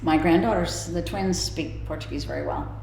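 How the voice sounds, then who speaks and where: A woman's voice: lowish voice, normal speed, darkish tone. An older woman answering interview questions in a plain-spoken, informal way, often letting her sentences trail off. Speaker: interviewee, festa cake maker. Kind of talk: casual oral history interview. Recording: echoey room, faint background noise.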